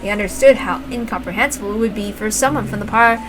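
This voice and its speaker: Speaking fast over music, a woman with a mid-range voice narrates a story as a reader, expressive and given to casual asides. Clear background noise, something like rain, runs through the recording.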